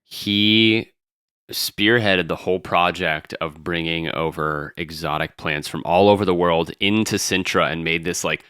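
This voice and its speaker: A man's voice: low-pitched, measured pace, pushed and bright, smooth, dry recording, studio quality. A man co-hosting a podcast in casual chat, joking and laughing often as he rambles. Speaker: podcast co-host.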